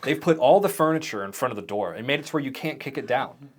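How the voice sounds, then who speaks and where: A man's voice: medium pitch, fast. Man narrating a tabletop game with gusto. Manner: animated, vivid storytelling. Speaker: game master.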